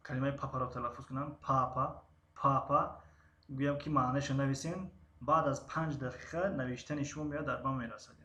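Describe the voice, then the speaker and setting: A man with a Tajik accent teaching a live-streamed language lesson, drilling syllables slowly and pausing often to think. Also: mid-range voice, fairly bright tone, echoey room. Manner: slow, drawn-out syllable drills with frequent hesitations.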